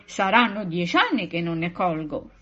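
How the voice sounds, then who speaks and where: A woman's voice: lowish voice, sing-song, moderate pace, bright, forceful tone, exaggerated voice. A woman voicing a cheerful office lady who happily exclaims about picking flowers, in a storybook reading. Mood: carefree. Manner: gleeful, dreamy exclaiming. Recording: muffled lo-fi recording.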